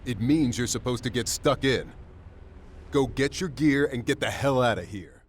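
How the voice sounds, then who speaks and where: A man playing a gruff, dismissive authority figure in a video game, blunt and commanding, with faint background noise. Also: medium pitch, moderate pace, close to an everyday voice. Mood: stern. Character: gruff, dismissive man sending a fighter off on a mission. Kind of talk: video game dialogue acting.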